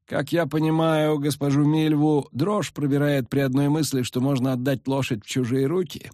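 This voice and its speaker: Polite storybook gentleman, soft measured talk, slightly raised, a man doing him. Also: on the high side, little pitch movement, dry recording, clean studio sound, voice pushed up, close to an everyday voice. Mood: calm. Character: calm courteous male barber-surgeon, measured.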